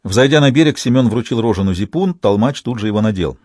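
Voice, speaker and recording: A man reading an audiobook with steady storytelling narration. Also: medium pitch, fast talker, dry recording, studio quality.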